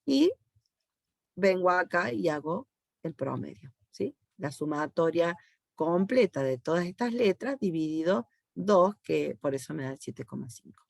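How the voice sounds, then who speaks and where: A woman's voice: lowish voice, animated, unhurried, vocal fry, no room sound, studio quality. A woman with an Argentine accent teaching a class online, patiently walking students through code step by step and often checking that they follow. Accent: Argentine Spanish. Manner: patient, checks understanding with frequent "¿sí?". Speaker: university teacher.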